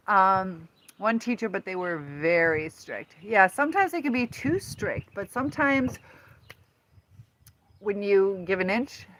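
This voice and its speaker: A woman in her fifties, hosting a casual live stream, talking in a rambling, halting way with many fillers. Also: medium pitch, bright, forceful tone. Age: 50s. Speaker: livestream host and teacher. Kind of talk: casual live-stream chat answering viewers. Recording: noticeable background noise.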